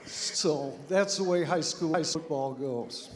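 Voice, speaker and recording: An older man, a retired football coach telling stories slowly and reflectively in an on-stage interview. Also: a little high. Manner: slow, reflective storytelling with a chuckle. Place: large banquet hall. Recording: reverberant banquet hall.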